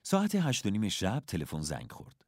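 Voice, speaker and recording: A man reading a first-person story aloud, expressive and measured. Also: lowish voice, dry recording, clean studio sound. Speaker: audiobook narrator.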